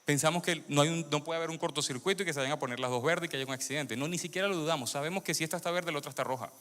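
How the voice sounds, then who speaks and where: Racing along in a slightly high, somewhat bright voice, a man born in Venezuela gives his testimony as a sermon to a congregation. He poses questions to the listeners and repeats phrases to stress them, and the hall adds long reverb.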